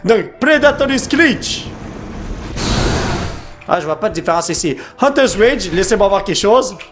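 Excitable high-pitched gamer man. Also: a little slow, noisy background. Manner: excitable, exclamations and shouts mixed with English slang. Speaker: gaming YouTuber. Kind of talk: live gameplay commentary.

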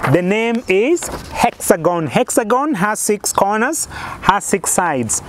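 Slow, high-voiced man, kids show host. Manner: asks guessing questions, counts aloud step by step. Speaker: children's lesson presenter. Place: outdoors on a lawn in a yard. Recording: faint outdoor background noise.

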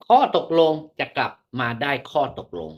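A man's voice: normal speed, lo-fi sound. A man telling fortunes on a live stream, chatty and teasing in a mock-mystical way. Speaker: fortune teller.

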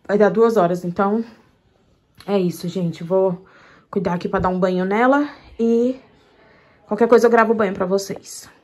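A woman's voice: mid-range voice, normal speed, pauses often, darkish tone. A tired young woman, a new mother, chatting casually to her viewers in a vlog in a tender, talkative way. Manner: chatty, tender, often says "gente" and "meu Deus".

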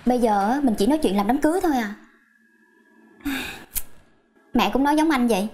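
A woman's voice: on the high side, a little fast, a little mellow, slight background noise, close to an everyday voice. An actress playing a young wife who coaxes her husband sweetly. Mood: coaxing. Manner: sweet, wheedling.

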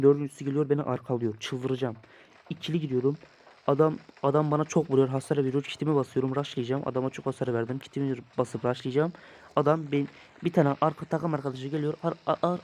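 A man's voice: mid-range voice, fairly even intonation, fast, darkish tone. Young man ranting over a mobile game. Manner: exasperated, ranting about dying. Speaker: gaming YouTuber. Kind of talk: casual gameplay commentary.

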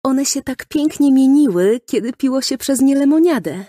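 A woman voicing an eager, playful little girl in a children's audiobook, with high, excited exclamations. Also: normal speed, no echo, clean studio sound. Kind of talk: audiobook character voice.

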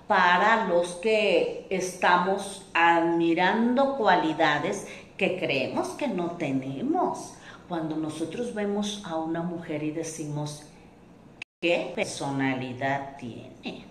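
A woman giving a self-help talk, deliberate, repeating lists and acting out quoted remarks. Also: on the low side, echoey room, slight background noise. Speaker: motivational speaker.

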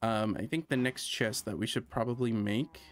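This Canadian streamer speaks at a moderate pace in a medium-pitched voice. He offers casual commentary on his building game, musing out loud and teasing himself.

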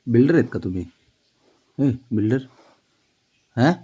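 Cat owner, man, coaxing baby talk at mid pitch, casual home vlog. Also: a little mellow, breathy edge. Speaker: cat owner filming his pet.

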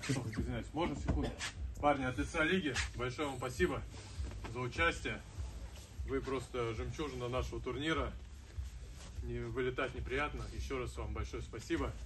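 A man's voice: medium pitch, normal speed. Guy from the league saying formal thanks, far from the mic, noisy changing room. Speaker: league official. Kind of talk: short formal thank-you speech to a team. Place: crowded indoor locker room. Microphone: handheld camera from a few steps away. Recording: distant voice, clearly noisy room.

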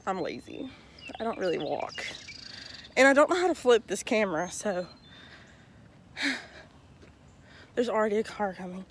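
A woman's voice: mid-range voice, sing-song, moderate pace, pauses often, a little hiss or hum. Breathless young woman vlogging outdoors. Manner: chatty, self-mocking, breathless while walking. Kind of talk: casual walking vlog. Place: outdoors on a foggy neighborhood street. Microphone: handheld phone camera.

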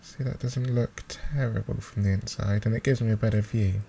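A man's voice: fairly low pitch, fairly even intonation, normal speed, gravelly. A man giving casual, hesitant let's play commentary, thinking aloud, with mouse clicking behind him. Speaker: gaming video host. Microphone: close desktop microphone with gain high. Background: mouse clicks and keyboard noise.

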